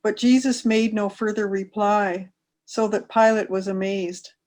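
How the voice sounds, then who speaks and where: Woman, average pitch, scripted scripture narration, church lay reader. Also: fairly even intonation, unhurried, a little mellow. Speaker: church member reading scripture. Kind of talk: scripted scripture reading aloud.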